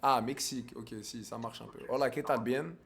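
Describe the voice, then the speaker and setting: A man's voice: mid-range voice, steady tone, moderate pace, gravelly, a bit bright, a little hiss or hum. A man with a French accent streaming casually, crude and joking, mixing in English and Spanish. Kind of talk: casual live-stream chat.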